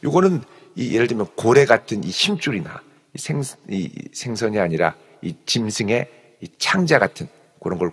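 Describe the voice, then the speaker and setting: In a lowish, slightly rough voice, a male pastor delivers an early-morning sermon. He acts out the story playfully and with animation as he explains it, his words echoing with long hall reverb in the church sanctuary.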